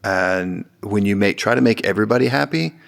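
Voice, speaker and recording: Deep, gravelly man speaking firmly. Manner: measured and firm, agreeing with short affirmations. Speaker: kids' jiu-jitsu coach and gym owner, guest. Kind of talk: casual interview talk.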